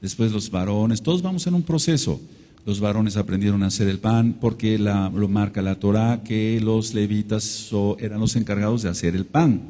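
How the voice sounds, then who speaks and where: The speaker's voice is warm and fairly low. He is a congregation teacher with a Mexican Spanish accent giving a Torah study like a sermon, stressing points through repetition and exclaiming amen and hallelujah, all heard through long hall reverb.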